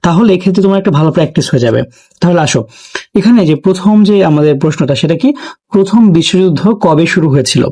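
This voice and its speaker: Young male tutor, high-ish voice and brisk pace, talks straight to students, solves questions step by step, drops in English words. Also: a little mellow. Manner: explains step by step, addresses students directly. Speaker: teacher. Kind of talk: exam question solving lesson.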